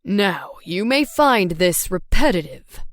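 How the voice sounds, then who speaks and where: A woman voicing a warm, steady adoptive father who speaks in measured, gentle counsel, in an audiobook. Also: on the low side, no echo, clean studio sound. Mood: fatherly. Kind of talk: audiobook character voice.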